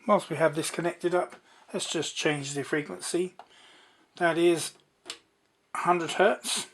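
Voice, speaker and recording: In this hands-on electronics demo, the presenter talks in a relaxed, casual way at a middle pitch, walking through every step plainly while doing it. The tone stays steady, and there is slight background noise.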